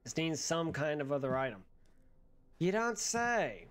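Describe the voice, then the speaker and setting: A young man with a high voice streams a video game from a small room. His commentary is casual, sarcastic and full of swearing. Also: very animated, a little slow. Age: young adult. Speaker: gaming streamer. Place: small bedroom-like room indoors.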